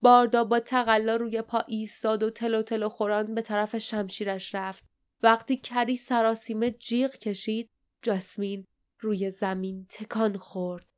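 A woman narrating a storybook audiobook in a steady, measured reading. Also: on the high side, clean tone.

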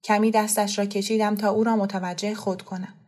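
Woman narrating a novel calmly. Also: medium pitch. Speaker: audiobook narrator. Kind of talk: scripted literary narration.

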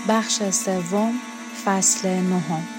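A woman narrating a novel in a calm, measured storytelling voice. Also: on the low side, loud music behind the voice.

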